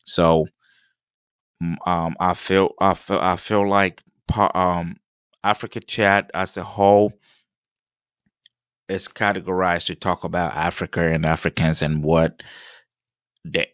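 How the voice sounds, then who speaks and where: A man's voice: low-pitched, steady tone, takes it slowly, long pauses, a bit bright, no room sound, studio quality. A young man, hosting a solo podcast in a rambling, hesitant way with many restarts and fillers. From Ghana. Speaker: podcast host.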